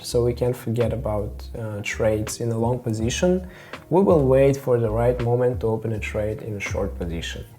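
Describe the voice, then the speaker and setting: A man's voice: mid-range voice, dark tone. A man with a Russian accent, hosting a trading channel and explaining his trades step by step in a methodical voice-over. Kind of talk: screen-recorded trading walkthrough.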